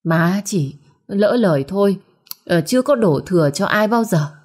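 A woman voicing a sharp-tongued, scheming middle-aged stepmother in a storybook. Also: medium pitch, expressive, normal speed, lightly acted. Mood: shrill.

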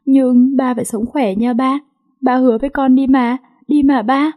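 A woman voicing a tough young heiress who pleads tearfully, her voice pitched up and breathy. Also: fairly even intonation, normal speed, mellow, lightly acted. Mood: tearful, pleading. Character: young heiress, tough but grief-stricken daughter.

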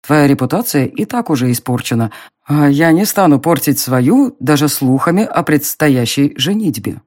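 A narrator playing a smug young nobleman who mocks and teases in an audiobook reading, with a slow, drawling, low delivery. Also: animated, a little mellow. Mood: mocking.

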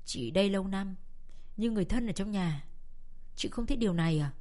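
A woman's voice: mid-range voice, animated, a little fast, mellow, lightly acted. A woman voicing a hurt, defiant young girl who pleads and protests in a dramatic audiobook reading. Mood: resentful.

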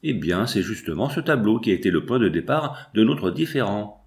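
A man's voice: on the low side, animated, normal speed, vocal fry. A man reading the lines of an opinionated, pompous bourgeois father in an audiobook, speaking emphatically. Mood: emphatic.

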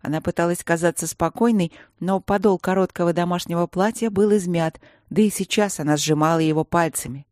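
An audiobook narrator reading a fantasy novel in a steady, even way. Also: medium pitch, a little fast, few pauses, no echo, clean studio sound. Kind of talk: scripted narration.

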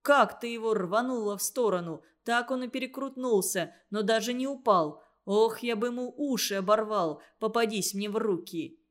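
A woman voicing an angry, blustering young male truck driver who shouts indignantly in a read-aloud story. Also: a little high, normal speed, close to an everyday voice.

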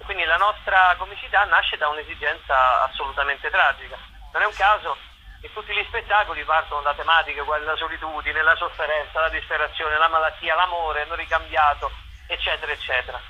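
Fairly quick and steady, this man's high-leaning voice sounds pushed and bright as he describes his show to a radio interviewer. An actor and playwright, he often repeats the start of his phrases. The sound is lo-fi with slight hiss or hum.

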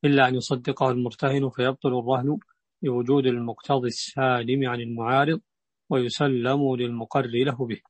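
A male student reads a classical legal text aloud in a measured, formal cadence. The recording is dry and close, with no room sound. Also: medium pitch, flat delivery, no room sound.

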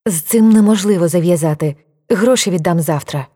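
A woman's voice: fairly low pitch, fairly quick, dark tone, natural voice. A woman voicing an impatient young woman who answers in a brusque, mocking way.

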